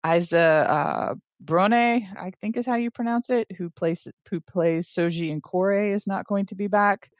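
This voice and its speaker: A podcast co-host in a casual discussion, talking in an animated, quick way and often acting out quoted lines with a laugh. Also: medium pitch, dry recording.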